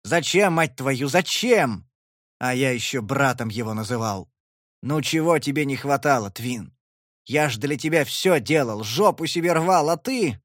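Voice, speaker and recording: A man voicing a jealous, volatile young man who shouts accusations. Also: medium pitch, lively intonation, a little slow, dry recording, clean studio sound. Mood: bitter.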